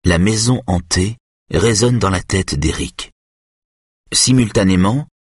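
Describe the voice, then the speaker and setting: A man reading an audiobook as the narrator, in a measured, even way. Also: lowish voice, husky, no echo, studio quality. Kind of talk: scripted narration.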